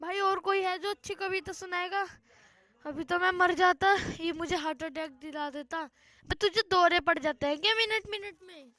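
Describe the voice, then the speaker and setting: A woman's voice: extremely high pitch, normal speed, sharp tone, no echo. A woman playing a strict, short-tempered male schoolteacher in a comic school skit, scolding and exasperated. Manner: scolding, exasperated, threatens with a stick.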